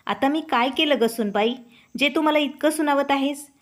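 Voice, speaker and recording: A woman voicing a humble, heartbroken elderly mother who speaks softly. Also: high-pitched, normal speed, close to an everyday voice. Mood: pleading. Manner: soft, gentle speech.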